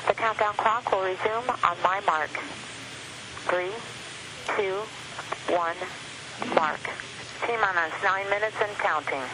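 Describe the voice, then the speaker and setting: A man with a high voice makes formal countdown calls as a launch announcer. He is heard through a radio feed with clear noise. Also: steady tone, takes it slowly, pauses often.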